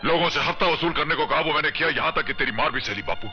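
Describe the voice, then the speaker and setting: A man's voice: fairly high pitch, fast, over music, close to an everyday voice. A man playing a defiant, hot-headed young man. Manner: defiant, threatening, forceful. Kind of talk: Hindi film acting. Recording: dull old film soundtrack with reverb.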